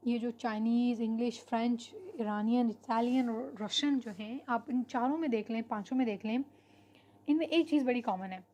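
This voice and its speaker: A woman teaching an online class. Her voice sits fairly high yet sounds mellow and warm. She explains in an unhurried way and pauses on fillers. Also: a little hiss or hum. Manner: explanatory, mixes English terms into Hindi-Urdu, frequent fillers. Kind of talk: online lecture.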